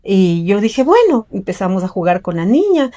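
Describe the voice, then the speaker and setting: A woman's voice: mid-range voice, expressive, normal speed, warm tone. A middle-aged woman from Ecuador, telling her own life story in an interview in an earnest way and acting out the voices of the people in it. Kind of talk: personal storytelling.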